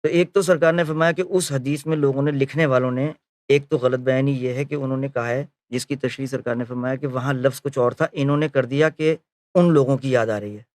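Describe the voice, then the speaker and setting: A man retelling his memories of a spiritual leader as a spoken story, acting out the quoted conversations, often pausing on filler phrases and correcting himself. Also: medium pitch, fairly even intonation, darkish tone, no echo, studio quality.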